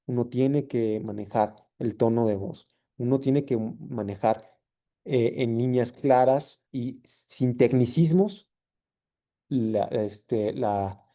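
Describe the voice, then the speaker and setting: A man's voice: medium pitch, warm tone. A man, a physician and anthropologist giving a seminar talk, reflective and self-correcting with many fillers. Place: seminar room or video call.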